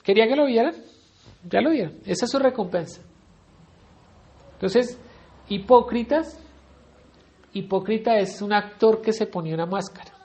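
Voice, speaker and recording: A man's voice: high voice, moderate pace, long pauses, darkish tone. A middle-aged man with a Colombian accent teaching a Bible study sermon in a conversational way, often asking his listeners questions. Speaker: preacher.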